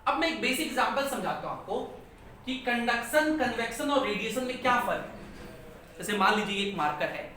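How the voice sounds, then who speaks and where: In a large classroom full of echo, a physics teacher with a very high, pushed, bright voice lectures at a moderate pace with lively intonation. He quizzes the class and restates key terms, heard from far away over faint noise.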